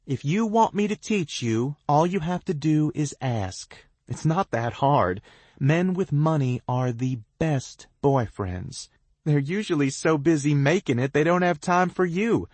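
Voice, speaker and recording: A woman's voice: low-pitched, takes it slowly, darkish tone, no echo, voice pushed up. A man voicing a catty, scheming young woman who talks in a sing-song, crowing way. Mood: sing-song smug.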